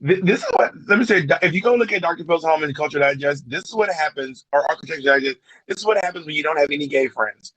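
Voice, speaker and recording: A man's voice: a little high, expressive, fast talker, few pauses, fairly bright tone, no echo, low-quality recording. A man co-hosting a podcast in casual chat, telling stories in a playful, joking way. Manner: playful storyteller, jokey. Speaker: podcast co-host.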